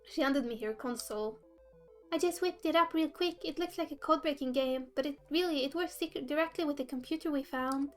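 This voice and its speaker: Woman reading as eager, brash gamer girl from a visual novel, high-pitched and casual, music underneath. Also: a little fast, lightly acted. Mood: confident. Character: cocky, eager young woman gamer and tech whiz. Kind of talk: read-aloud visual novel dialogue. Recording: music behind the voice.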